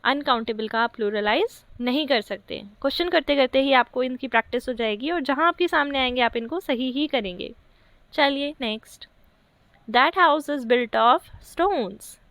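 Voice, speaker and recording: A woman teaching English grammar for an exam, asking rhetorical questions and reading sentences out slowly. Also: high voice, fairly bright tone, dry recording. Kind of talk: exam-prep lesson.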